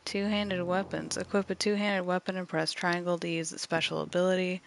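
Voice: medium pitch, level tone, a little fast, gravelly, a little hiss or hum. A streamer giving casual live gameplay commentary, laid-back and reading the tutorial text aloud.

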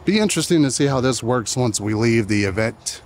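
A man's voice: medium pitch, animated, fairly quick, a little hiss or hum. A man hosting a casual event vlog, narrating and chatting outdoors as he goes. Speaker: vlog host. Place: outdoors at a haunted attraction at night.

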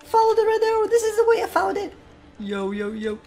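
A woman voicing Bluey, an excitable young girl puppy, narrating a game with shrieks and silly boasting. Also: very high-pitched, fairly quick, full character voice. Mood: excitable scared. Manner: jumpy, shrieks when scared, silly boasting. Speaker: gamer narrating play. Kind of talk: voiced Roblox let's-play. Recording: game music underneath.

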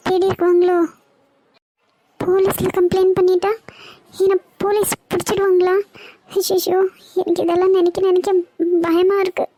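A woman performs a scared young runaway in a cartoon, her very high voice darting through worried questions to herself. The tone is soft and mellow, never sharp. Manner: panicky, tearful self-questioning. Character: frightened young woman who ran away from home. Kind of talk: cartoon voice acting.

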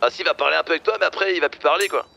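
A man's voice: fairly high pitch, rapid-fire, vocal fry, sharp tone, full character voice. A man playing a brash, foul-mouthed but loyal criminal buddy in online game roleplay, with blunt, teasing slang. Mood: blunt, alarmed.

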